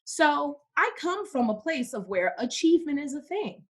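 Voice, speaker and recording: A woman's voice: sits high, big pitch swings, moderate pace. A young woman from Cameroon, a podcast guest in casual faith-based conversation, who speaks emphatically and repeats words for stress.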